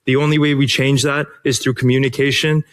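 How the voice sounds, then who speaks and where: An earnest man gives a public comment at a city council podium, his voice at an ordinary middle pitch. He speaks haltingly, restarting sentences and filling pauses with ums. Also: level tone.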